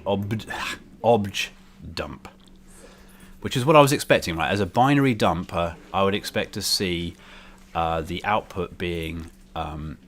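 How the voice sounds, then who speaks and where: A British man with a low voice talks through his programming in a casual, halting way, thinking aloud as he goes. He is indoors on a desk microphone, with some background noise around him. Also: a bit bright. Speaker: programmer live-streaming. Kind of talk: casual live coding commentary. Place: indoors by a window. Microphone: desk microphone, bidirectional. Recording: keyboard and street noise behind.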